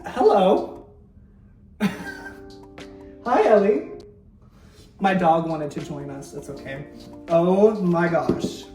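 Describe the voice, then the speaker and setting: A chatty, excitable woman rambles through a casual unboxing vlog. Her voice is a touch low, and it rings out with a heavy room echo off the bare kitchen walls. Faint music plays underneath. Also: extremely slow, pauses often. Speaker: YouTuber. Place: kitchen indoors. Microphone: camera mic, no clip-on.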